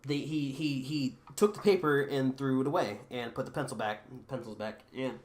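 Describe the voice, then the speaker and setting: A man's voice: medium pitch, normal speed, darkish tone. A teenage boy hosting a podcast, telling rambling, profane stories in a casual chat and laughing at his own jokes. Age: teens. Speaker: podcast host. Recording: echoey room with faint background hum.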